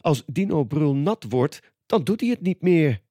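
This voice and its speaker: A caring mother pig reassures and gently warns her child in a raised voice, as a man reading a storybook puts her on. The tone is mellow and the sound dry and close. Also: on the high side, very animated, a little slow, no echo, voice pushed up.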